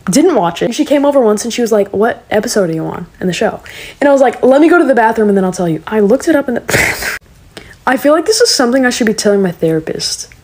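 A teenage girl rants to her phone camera in a casual vlog, sarcastic and quick to mock. Her voice sits fairly high for a woman. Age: teens. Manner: sarcastic, animated storytelling with mocking voices. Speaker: TikTok creator.

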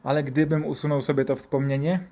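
Sardonic male narrator, foul-mouthed, rhetorical, fairly high voice for a man. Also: level tone, a little fast, mellow. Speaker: storyteller. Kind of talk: sarcastic storytelling narration.

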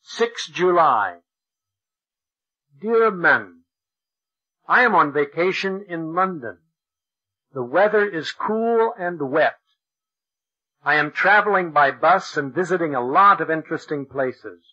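A man reads out textbook lessons at an unhurried, careful pace, his voice bright and a little husky. The sound is dull and lo-fi, like an old classroom cassette. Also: fairly high pitch, expressive. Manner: slow, deliberate, over-articulated delivery for learners. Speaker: textbook audio narrator. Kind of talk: slow, clear textbook reading.

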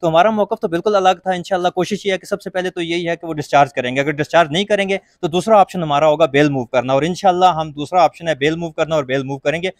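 A lawyer, a man, argues his case to a reporter in rapid, emphatic bursts. His voice sits a little high and sounds dry and close, with no room around it. He presses each point with quick insistence. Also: no room sound. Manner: fast, emphatic, argumentative. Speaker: lawyer, party legal forum member. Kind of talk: courthouse interview answers.

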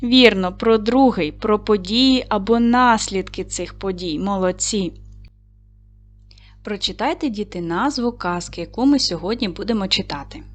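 A woman teacher giving a reading lesson to young children, with a clear, encouraging manner that leads them through questions. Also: medium pitch, normal speed. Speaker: primary school teacher.

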